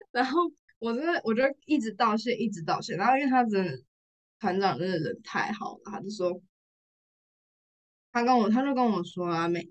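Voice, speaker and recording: A young woman from Taiwan, a rehearsal studio owner appearing as a podcast guest, tells a personal story in casual chat with a Taiwanese Mandarin accent. Her voice is medium-pitched, and she repeats herself and laughs through tears.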